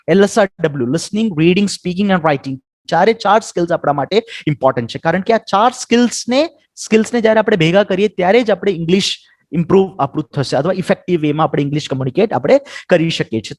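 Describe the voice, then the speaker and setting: An Indian-accented man teaches an English-skills webinar over a computer mic. He talks in a high, lively voice that jumps around as he mixes Gujarati with English. He keeps checking in with "right?", and the sound is close and dry. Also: dry recording. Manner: ends nearly every point with a coaxing "right?".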